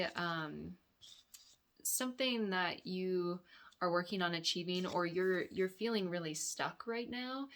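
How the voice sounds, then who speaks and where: Speaking in a raspy, dry-throated voice, a woman who works as a tarot reader and yoga therapist shares her weekly forecast with viewers. Her guidance wanders reflectively, and her fairly low voice has a slightly bright quality.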